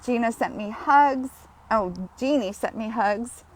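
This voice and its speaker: Slow, heartfelt woman hosting a live. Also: a little high. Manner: heartfelt, chatty, breaks into laughter. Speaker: grief support host. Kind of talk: live-streamed healing session. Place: outdoors, walking.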